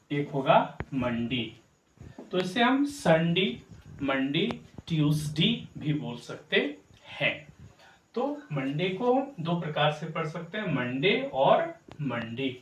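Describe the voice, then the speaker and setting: Guy teaching pronunciation, spells words out slow, echoey room, kinda far from the mic. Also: on the high side, a little hiss or hum. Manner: spells words letter by letter slowly, repeats corrections; addresses viewers directly with rhetorical checks. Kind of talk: spoken language lesson.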